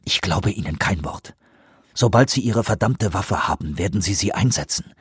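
A defiant male scientist, read by a male narrator, hurls heated accusations. The voice is husky and close, with a dry, roomless sound. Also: deep voice, expressive, moderate pace, no echo, full character voice. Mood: accusing.

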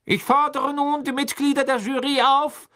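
A stern, hate-filled judge barks his charges loud and clear, as a reader puts him on. His voice is pushed up and forceful, well above the calm narration. This is a dramatic audiobook reading. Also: high-pitched, normal speed, pitched above the performer's own voice. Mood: stern, furious.

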